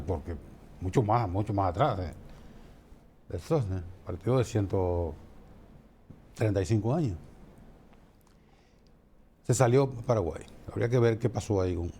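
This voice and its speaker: A man's voice: fairly low pitch, mellow, slight background noise. A man commenting on politics in casual studio talk, often repeating words as he searches for the next phrase.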